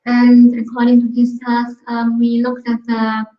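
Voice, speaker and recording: A young woman from Austria, a student, giving a steady, matter-of-fact summary of research results. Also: fairly high pitch, measured pace. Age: young adult. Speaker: master's student presenting research. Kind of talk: conference video hangout talk. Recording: distant mic in echoey room, lo-fi.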